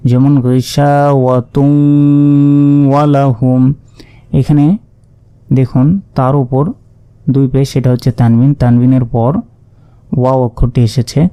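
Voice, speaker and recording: A man teaching Quran reading, spelling out Arabic syllables patiently and chanting each word slowly. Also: medium pitch, mellow, no echo. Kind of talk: spelling out Arabic letter by letter, slow recitation lesson.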